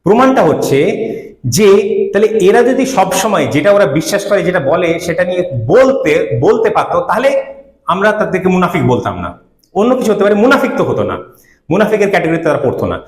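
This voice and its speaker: Preacher guy, argues hard, rapid talk, roomy echo. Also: sits high, sing-song. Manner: argumentative, rhetorical questions. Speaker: Islamic preacher. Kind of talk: religious lecture.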